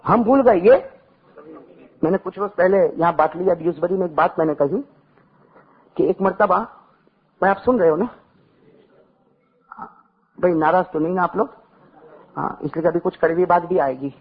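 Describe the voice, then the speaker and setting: A man's voice: high-pitched, pauses often, husky. A man preaching a sermon in a mosque, mixing chanted recitation with humorous stories and chatty asides to the congregation. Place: mosque gathering. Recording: dull lo-fi recording.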